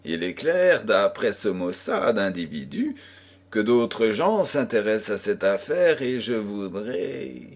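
A man reading an audiobook, voicing a calm, clever detective who speaks in a measured, smooth way. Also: fairly low pitch, full character voice. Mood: confident. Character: Sherlock Holmes, calm, clever, confident man.

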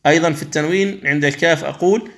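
A man teaching Quran recitation. He explains each rule slowly and carefully, then stretches the examples out into chanted recitation, and sometimes contrasts a wrong reading with the right one. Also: fairly high pitch, fairly bright tone.

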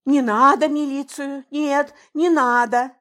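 A woman's voice: sits high, steady tone, slow, fairly bright tone, voice pushed up. A woman voicing a flustered older man who plays a worried father, pleading and soothing.

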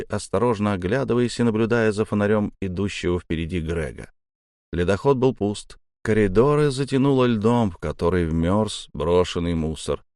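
Casting: man with a low voice narrating a dark audiobook, measured, dry studio sound. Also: dry recording. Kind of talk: first-person audiobook narration.

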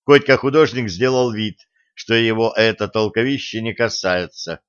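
A man narrating an audiobook in an even, steady storytelling manner, from a dull lo-fi recording. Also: fairly low pitch, normal speed, smooth, dry recording.

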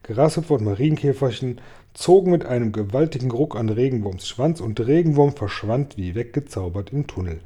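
Dark-voiced man reading a storybook. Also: mid-range voice, husky. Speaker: audiobook reader. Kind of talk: children's book read aloud.

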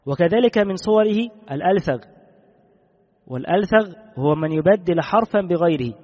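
A man's voice: high-pitched, animated. Man teaching, reverberant dull recording. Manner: measured, repeats key rulings. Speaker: Islamic law teacher. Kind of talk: classical text lesson.

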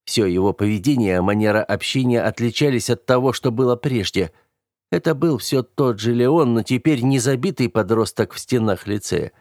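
A man's voice: medium pitch, moderate pace, darkish tone, no room sound. Man narrating an audiobook, dry sound. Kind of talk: scripted first-person narration.

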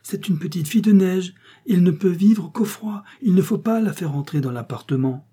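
A man's voice: a little high, lively intonation, moderate pace, mellow, slightly rough, pitched above the performer's own voice. A man doing little Violette, an insistent girl. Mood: pleading. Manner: pleading, emphatic.

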